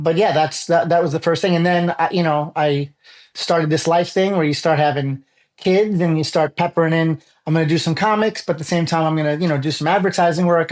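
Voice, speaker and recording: A guest on a casual chat tells his stories with energy and animation. His voice sits somewhat high for a man, and he is quick to act out the people he talks about. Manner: lively storyteller who acts out people in anecdotes. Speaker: guest comics artist.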